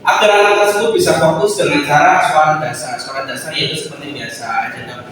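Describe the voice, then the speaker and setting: A man's voice: a little high, expressive, brisk, crowd noise. A young man, a student, giving a loose, rambling classroom presentation and walking through spoken examples. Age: young adult. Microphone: far camera. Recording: echoey classroom, far from the mic, background noise.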